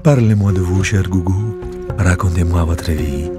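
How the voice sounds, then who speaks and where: Brief: man as a refined, predatory lady trout, deep-voiced and coaxing, over soft music. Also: unhurried. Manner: genteel, coaxing, precious. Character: vain elegant female trout, sweetly predatory. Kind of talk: storybook character voice.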